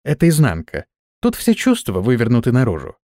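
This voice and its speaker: A man voicing a sullen young woman in an audiobook, gruff and curt. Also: mid-range voice, wildly swooping pitch, a little fast, warm tone, dry recording, studio quality. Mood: gloomy.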